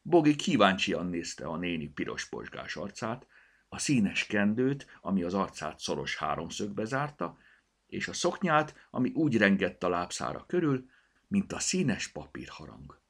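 Expressive husky man reading a storybook. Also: low voice. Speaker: narrator. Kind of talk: audiobook storytelling.

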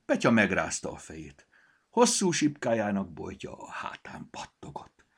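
A man reading a children's story aloud in an expressive way. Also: fairly low pitch, slightly rough. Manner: expressive, animated.

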